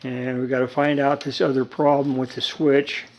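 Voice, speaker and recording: At a normal speed and in a mid-range voice, a man in his seventies who restores radios as a hobby demonstrates a repair, chatting casually and folksily, rambling a bit and joking dryly. Steady background noise fills this homemade video.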